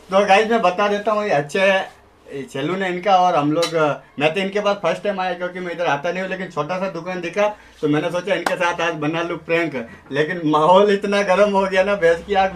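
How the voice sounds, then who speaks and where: A man filming a prank in a small salon, pleading stubbornly during the argument and then calmly explaining to his viewers. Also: sits high, fairly quick, slight background noise. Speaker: prank YouTuber. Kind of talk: prank vlog, arguing then addressing viewers. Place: small salon shop indoors.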